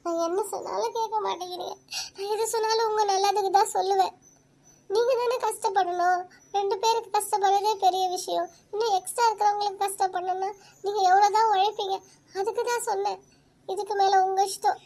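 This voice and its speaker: A woman voicing a nagging wife and mother of two daughters in a cartoon family drama, complaining loudly to her husband. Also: very high voice, fairly even intonation, fairly quick. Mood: pleading. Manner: nagging, complaining, turns tearful.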